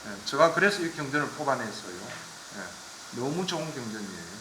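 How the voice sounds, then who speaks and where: A man's voice: medium pitch, very animated, normal speed, background noise. A man from giving a Buddhist dharma lecture with plain explanations, asking listeners to agree as he goes. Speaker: Buddhist teacher. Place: temple lecture hall. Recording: echoey room.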